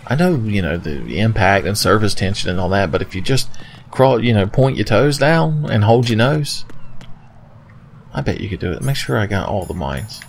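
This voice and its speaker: A man's voice: lowish voice, very animated, moderate pace, slight background noise. A man giving joking, sarcastic commentary as he plays a video game, swearing casually. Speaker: video game let's player.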